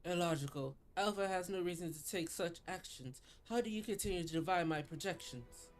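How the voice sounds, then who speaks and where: A man voicing a glitching, cold machine intelligence, reading its lines in a clipped, flat robotic way with error stutters. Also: sits high, fairly quick, soft background music, lightly acted. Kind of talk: reading game dialogue aloud.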